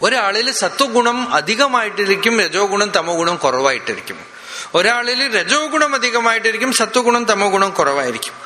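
A man, a spiritual teacher, giving a scripture discourse, explaining with rhetorical questions and slowly chanting verses. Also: high-pitched, very animated, bright, forceful tone. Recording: echoey hall, faint ambient noise.

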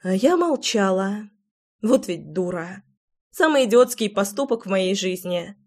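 A woman's voice: medium pitch, expressive, measured pace. A woman reading a first-person story aloud as an audiobook narrator, with a wry, breathless inner monologue.

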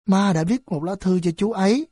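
A woman's voice: mid-range voice, fairly quick, mellow, breathy edge, no room sound, studio quality, natural voice. A woman voicing a tearful, resolute mother who speaks with a trembling voice in an audiobook. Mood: grieving.

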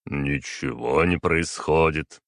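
A man's voice: very deep voice, creaky, a bit bright, no room sound, clean studio sound, full character voice. A man voicing a stern, unbending aging emperor who speaks curtly and commandingly to his daughter. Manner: curt, measured, commanding.

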